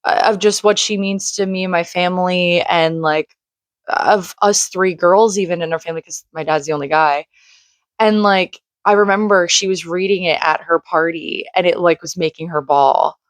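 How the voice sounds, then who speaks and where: A woman's voice: lowish voice, steady tone, normal speed, no room sound. A woman in her late twenties, slightly crackly from screaming, talking earnestly in a rambling casual monologue full of "like". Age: late 20s. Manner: rambling, heavy use of "like", earnest. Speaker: vlogger. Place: home room by a shared wall.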